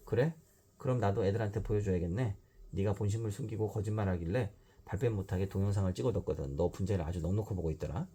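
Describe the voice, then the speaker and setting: A man's voice: on the low side, fast talker, mellow, breathy edge. A man voicing a timid but stubborn schoolchild who loves bonsai, pleading and insisting, in a raised, childlike voice. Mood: defiant.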